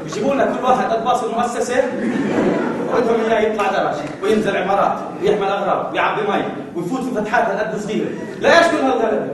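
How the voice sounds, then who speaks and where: A Jordanian man with a Jordanian Arabic accent doing stand-up as an escalating, exasperated comedy rant, animated and acting out little exchanges. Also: high-pitched, very fast, crowd noise. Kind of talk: stand-up comedy routine to a live audience. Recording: echoey, noisy live recording from a distance.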